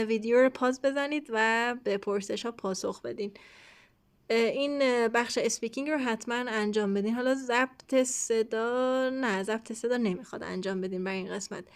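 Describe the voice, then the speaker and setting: A woman teacher with a Persian accent walking through an English textbook lesson, pausing often with fillers and reading the English text slowly and carefully. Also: a little high, clean tone.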